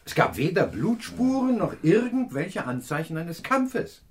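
In a radio crime drama, a man acts the part of a pompous, self-assured professor and amateur detective, holding forth pedantically. His voice sits high, with a sing-song, unhurried delivery.

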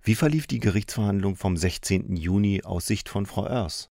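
Low-voiced guy asking radio interview questions, dry close sound. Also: normal speed, creaky, darkish tone, dry recording.

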